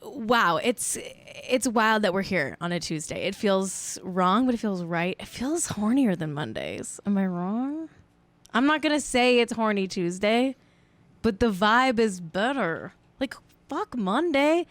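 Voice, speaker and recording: A woman's voice: medium pitch, measured pace, dry recording. A woman hosting a casual comedic live stream, riffing playfully with her chat. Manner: playful, riffing, animated jokes. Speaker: host.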